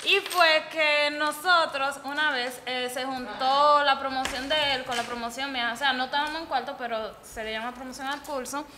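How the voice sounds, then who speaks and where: High-voiced young Dominican woman, animated. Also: moderate pace, hardly any pauses. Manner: animated, laughing while telling stories. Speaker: panelist in a group chat. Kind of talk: casual chat, storytelling. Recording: echoey room with noise.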